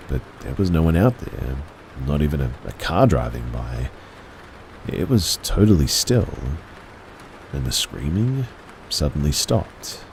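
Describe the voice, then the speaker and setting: Deep male horror narrator, measured and hushed delivery. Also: a little hiss or hum, rough recording.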